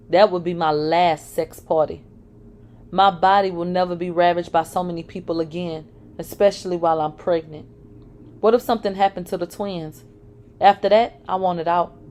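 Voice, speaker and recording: A woman's voice: lowish voice, darkish tone. A woman reading a dramatic first-person story aloud, emotional and blunt, with swearing. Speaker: narrator.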